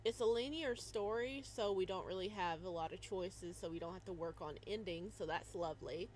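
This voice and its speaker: A young woman with a fairly low voice, speaking at normal speed, hosts a casual live stream, playing a visual novel while chatting and laughing. Bubbly and giggly, she greets viewers by name and hums to herself. A little hiss or hum sits under the audio.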